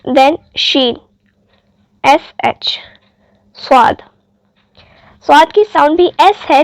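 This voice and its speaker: Slow, high-voiced woman teaching letters. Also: no room sound. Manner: spells out letters one by one, patient and deliberate. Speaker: Urdu teacher. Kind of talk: slow alphabet lesson.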